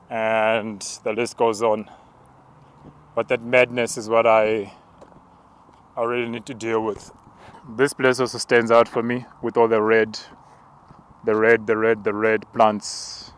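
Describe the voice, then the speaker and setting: A man preacher walking outdoors and narrating spiritual visions in a hushed, halting, contemplative way. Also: lowish voice, clean tone. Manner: slow, hushed, halting and contemplative, with tongues-like words. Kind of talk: spoken prayer walk, narrated visions.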